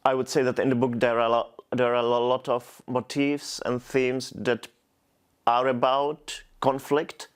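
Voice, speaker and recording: Interviewed as a guest poet, this native Czech speaker has a noticeable Czech accent and a clear, resonant, mid-range voice. His delivery is flat and unhurried, thoughtful yet hesitant, with frequent pauses to begin words again.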